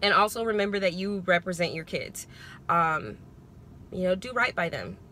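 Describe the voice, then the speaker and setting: A woman's voice: on the low side, animated, normal speed, pushed and bright, slight background noise. A woman talking casually to viewers in a parenting vlog, explaining her advice in a conversational, emphatic way. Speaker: parenting vlogger.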